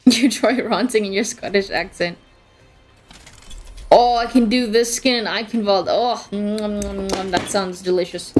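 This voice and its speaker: A woman's voice: mid-range voice, moderate pace, faint music behind. A young woman streaming a game, chatting casually and giggling as she reacts to the match and her chat.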